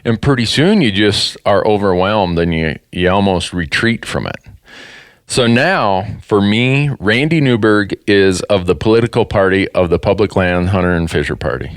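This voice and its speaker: A man's voice: on the low side, lively intonation, moderate pace, no room sound, clean studio sound. A man in his fifties with a Minnesota accent, hosting a podcast and telling stories in an earnest way, often restarting his sentences. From northern Minnesota. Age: 50s. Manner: earnest, storytelling, with frequent restarts. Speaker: podcast host. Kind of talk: casual conversation.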